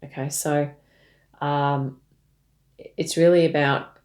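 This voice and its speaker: Low-voiced woman reading tarot. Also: little pitch movement, slow. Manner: hesitant, many fillers and restarts; gentle, speaks directly to the listener. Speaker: tarot reader.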